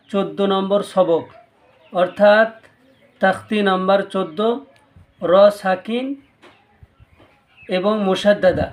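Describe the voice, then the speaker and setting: A man with a Bangladeshi Bengali accent teaching Quran recitation rules in a patient tutorial, repeating each rule twice. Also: high voice. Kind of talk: step-by-step tutorial lesson.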